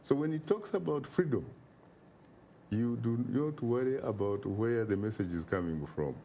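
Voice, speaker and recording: With a medium-pitched, gently mellow voice, the man from Uganda gives an impassioned interview, speaking like an orator and repeating lines for effect. Some slight background noise can be heard.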